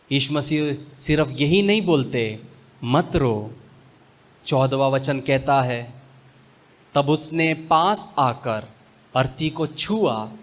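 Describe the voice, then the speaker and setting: A male pastor preaching a sermon, slipping English phrases in among slow, weighty pauses. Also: mid-range voice.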